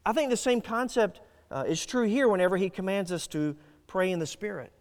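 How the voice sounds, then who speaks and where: The sermon comes from a male pastor who is expressive and fairly quick, his high voice rising and falling sharply as he presses his points earnestly. He often restarts phrases midway, and the sound echoes with the long reverb of a large church.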